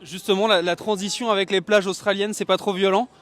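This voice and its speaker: High-voiced man reporting a street interview. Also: little pitch movement, brisk, a bit bright. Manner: friendly, clear questions. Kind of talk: vox-pop interviewing.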